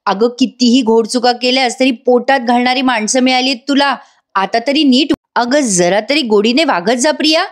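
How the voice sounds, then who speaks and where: A woman's voice: fairly high pitch, moderate pace, voice pushed up, close to an everyday voice. A woman voicing an earnest young heroine in a serial recap, talking in a coaxing, pleading way.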